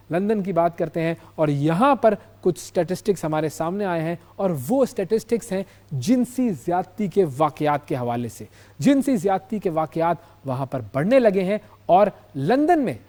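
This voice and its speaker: A man with a Pakistani accent hosts a news show, presenting stories with explanatory commentary, adding emphasis and repeating key phrases. His voice is a little high and mellow.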